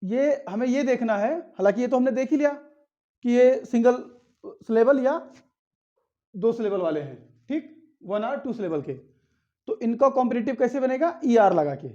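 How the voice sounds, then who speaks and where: A man teaches a grammar lesson step by step, posing questions to his students and answering them himself. His voice is mellow, and the recording sounds slightly dull and lo-fi. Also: very high voice, expressive, normal speed, pauses often.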